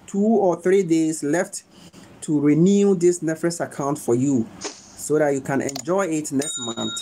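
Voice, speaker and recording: A young Ghanaian host with a Ghanaian English accent, his voice on the high side, runs a live phone tutorial indoors via his front camera. Talking slowly and repeating himself, he urges viewers to keep watching while background noise carries on.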